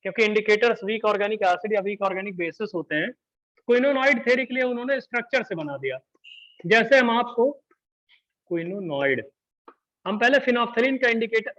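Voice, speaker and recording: A man teaches a live chemistry class in a fairly high voice. He keeps up a teasing, chatty patter and keeps asking whether the students follow. The classroom recording sounds muffled and lo-fi. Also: fairly bright tone.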